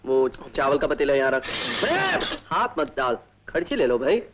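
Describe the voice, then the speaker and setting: An actor playing a flustered, fussy, bossy young man in a film comedy, with a halting manner. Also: medium pitch, wildly swooping pitch. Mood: bossy, irritated. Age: young adult. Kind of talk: Hindi comedy film acting. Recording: noisy old film soundtrack with clicks.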